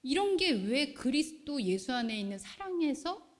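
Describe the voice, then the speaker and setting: A woman pastor preaching a sermon in a lively way, often putting questions to the congregation. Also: high-pitched, normal speed. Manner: animated, asks the congregation questions. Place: church hall. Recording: long hall reverb.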